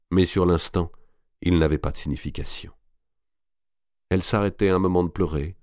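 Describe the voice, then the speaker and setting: A man narrating a historical novel in a measured, literary reading. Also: low voice, dark tone, no room sound, studio quality. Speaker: audiobook narrator.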